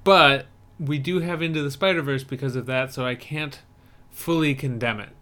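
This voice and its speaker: Laid-back male podcast co-host with a smooth, clear voice and dry humor. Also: mid-range voice, moderate pace, sharp tone. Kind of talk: casual chat. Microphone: remote video call.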